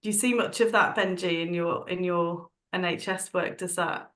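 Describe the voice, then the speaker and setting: A woman's voice: on the low side, steady tone, moderate pace, fairly bright tone. A woman hosting a book club discussion, asking reflective, earnest questions. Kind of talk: moderating a discussion.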